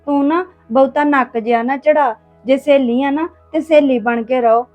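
An earnest young woman, acted by a woman, pleading with a friend in a high voice. Soft music plays faintly behind her in an amateur family web drama. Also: fairly even intonation, normal speed, highs cut off, natural voice. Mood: brisk. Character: young woman from a poor home, hurt by gossip.

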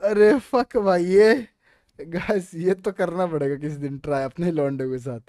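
Reacting to memes with casual slang, laughter and curses, this young man from India has a slightly high, dark voice and talks a little slowly. There's no echo on the recording.

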